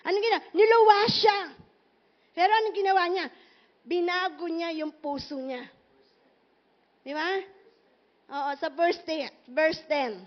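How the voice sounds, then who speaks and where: A woman pastor preaching a sermon in an animated, emphatic way, full of rhetorical questions, in a muffled recording. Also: extremely high pitch, a little slow, pauses often.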